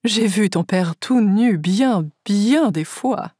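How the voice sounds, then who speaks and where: Lady doing a fussy older woman, high pitched, drags her words, kinda husky. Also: sing-song, measured pace, darkish tone, dry recording, studio quality, exaggerated voice. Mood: coaxing.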